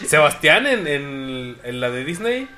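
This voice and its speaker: Bright-voiced joking Mexican man. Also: a little high, big pitch swings, takes it slowly. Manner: joking, slangy, questioning. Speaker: podcast co-host. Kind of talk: casual chat.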